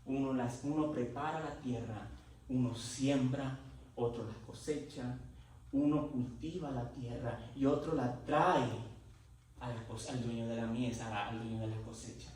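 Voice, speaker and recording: A man's voice: medium pitch, fairly even intonation, measured pace, darkish tone, far from the mic. A married man preaching a sermon in a church, speaking with impassioned, emotional conviction as he tells his own testimony. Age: adult, married. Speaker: lay preacher. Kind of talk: Pentecostal-style sermon. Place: church sanctuary. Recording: very echoey church hall recorded from afar.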